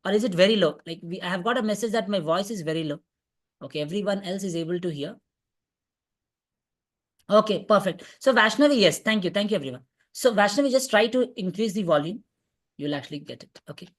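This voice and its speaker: Her medium-pitched voice is expressive and fairly quick as she teaches physics in an online revision class. The Indian-accented woman repeats points and keeps checking her students' understanding, and she's heard through a video call.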